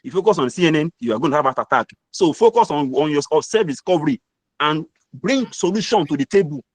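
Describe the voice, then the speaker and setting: A man's voice: fairly high pitch, animated, fast, dry recording. A middle-aged man with a Nigerian accent, giving an emphatic, repetitive motivational mentoring talk. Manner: emphatic, repetitive, preacher-like delivery. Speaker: guest mentor speaker.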